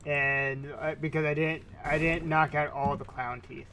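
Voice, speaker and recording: A man gives casual commentary while playing a game. His voice is bright and on the high side, with an unhurried pace and slight room noise behind it. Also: level tone. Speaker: gamer, host of a playthrough.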